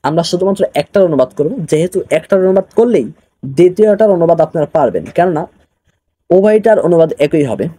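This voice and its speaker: A young man with a Bangladeshi Bengali accent teaching an online religious studies class, slowly translating phrases word by word and repeating them. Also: fairly high pitch, expressive, warm tone.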